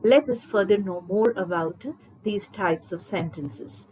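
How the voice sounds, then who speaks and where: In this low-quality recording of a school lesson, slight background noise sits behind a woman's medium-pitched, darkish voice. She teaches English, addressing her students directly as she explains grammar slowly, patiently and one step at a time.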